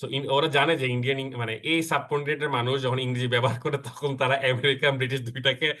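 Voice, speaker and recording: A man's voice: medium pitch, fairly even intonation, fast talker. A man from Bangladesh teaching an English grammar class online, who mixes in English phrases and keeps checking in with his students. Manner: checks in with the class after nearly every point; addresses students warmly as brother.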